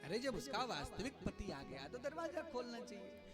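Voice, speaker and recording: A man's voice: very high-pitched, very animated, moderate pace. A male preacher from telling devotional stories in a live sermon and putting questions to his audience. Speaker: Bhagavat Katha preacher. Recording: live with loud accompanying music.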